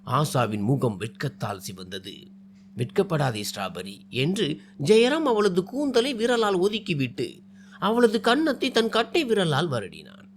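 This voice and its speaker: A male storyteller reading a romantic tale, his fairly high voice rising and falling with lots of expression. A faint hiss sits under the recording. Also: wildly swooping pitch, a little slow. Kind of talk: scripted story narration.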